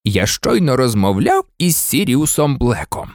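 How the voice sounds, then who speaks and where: A reader voicing a calm, wise old male headmaster in a storybook, firm and unhurried. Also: mid-range voice, no echo, clean studio sound.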